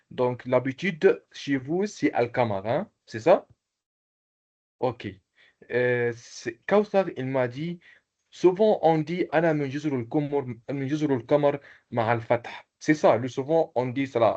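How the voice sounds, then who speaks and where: A man teaching an online language class, slowly repeating phrases and calling on students by name. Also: mid-range voice, darkish tone, highs cut off. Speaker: Arabic teacher.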